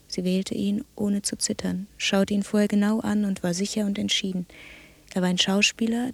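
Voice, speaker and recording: Radio play: a hushed storyteller, creaky and even, dry studio sound. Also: female voice, mid-range voice, no room sound. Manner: hushed, often sliding into whisper. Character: storyteller woman reciting a grim fairy tale. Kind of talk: scripted narration.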